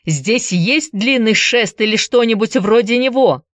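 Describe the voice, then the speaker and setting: A woman voicing a desperate young man who shouts urgent commands in a storybook reading. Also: a little high, expressive, takes it slowly, no room sound, studio quality, pitched above the performer's own voice. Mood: urgent shouting.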